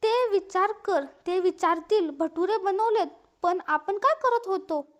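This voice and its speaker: An anxious young wife with a very high voice, as a woman reads her lines. She speaks in a pleading, worried way. She is a figure in a spoken family story. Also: measured pace.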